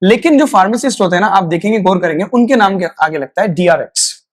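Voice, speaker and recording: A man teaching a spoken English lesson. He repeats each example phrase, stretches it out slowly, and checks in often with "right?". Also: high voice, animated. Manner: slow, drawn-out model phrases; repeats words for practice.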